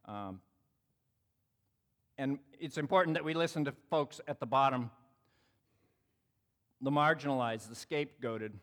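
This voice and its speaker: A man's voice: medium pitch, unhurried, long pauses, a bit bright, big-room sound. A man telling a personal story in a conversational, sermon-like talk, acting out the voices in it. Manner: reflective, conversational, acts out quoted dialogue.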